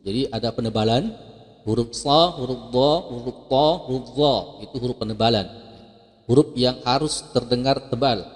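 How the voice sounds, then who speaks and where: A man's voice: mid-range voice, long reverb tail. A man teaching Quran recitation, explaining patiently and leading melodic chanted syllable drills.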